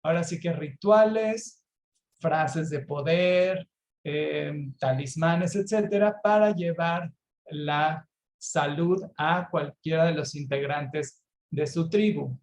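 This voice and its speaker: Slow-talking Mexican man lecturing online. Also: fairly high pitch, darkish tone, slight background noise. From Puerto Vallarta, Mexico. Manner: slow, unhurried explaining with frequent fillers and check-ins. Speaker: herbal medicine webinar presenter. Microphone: video call.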